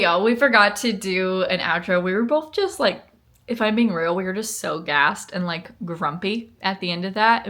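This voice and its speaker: A woman vlogger talks informally to the camera. Her voice is bright and forward, at an average pitch for a woman. She is chatty and conversational, peppering her sentences with "like.". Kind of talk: casual vlog chat to camera.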